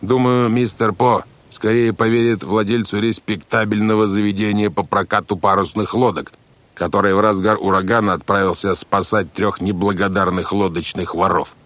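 A man's voice: lowish voice, steady tone, normal speed, a bit bright, no room sound, close to an everyday voice. A man voicing a sinister scheming sea captain who speaks in a cold, sneering, menacing way.

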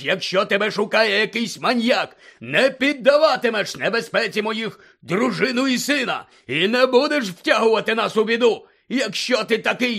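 A man's voice: high-pitched, vocal fry, fairly bright tone, husky, heavily acted. A man voicing a stout, furious, bullying middle-aged uncle who bellows and splutters in an audiobook. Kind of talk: audiobook character voice.

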